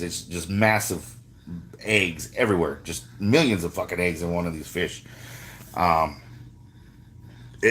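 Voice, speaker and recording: Middle-aged fishing guide, very deep voice, loose and profane, talks off the cuff on a live stream. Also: male voice, sharp tone. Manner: rambling, casual, with frequent swearing and restarts. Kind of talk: casual live-stream chat.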